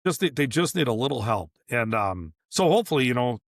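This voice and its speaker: A repair shop owner appears as a guest on a casual podcast interview, telling a long, rambling story full of repeats and restarts while acting out what people said. His mid-range voice swings widely in pitch and moves a little fast, recorded with clean studio sound and no room echo.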